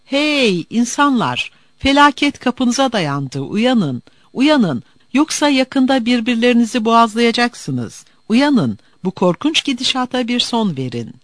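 A man voicing ancient mountains that loudly warn people of disaster in a storybook tale. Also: very high voice, very animated, measured pace, dry recording, clean studio sound, voice pushed up, exaggerated voice. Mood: urgent. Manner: loud, urgent calling.

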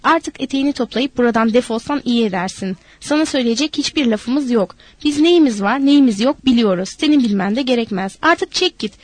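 A woman's voice: fairly high pitch, animated, a little fast, few pauses, a little mellow, no echo. Woman voicing a cold, threatening young ranch wife. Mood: mocking.

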